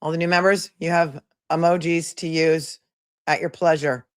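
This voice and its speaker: A woman with a low, smooth voice and a steady tone talks at normal speed. Hosting a live stream, she comments on a court hearing with sarcastic, indignant remarks and thanks her viewers.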